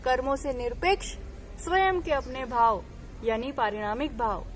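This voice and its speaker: A Jain nun giving a devotional sermon, earnest and exhorting, mixing a parable with teaching. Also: female voice, sits high, measured pace, slight background noise. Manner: earnest, exhorting, rising to emphatic calls.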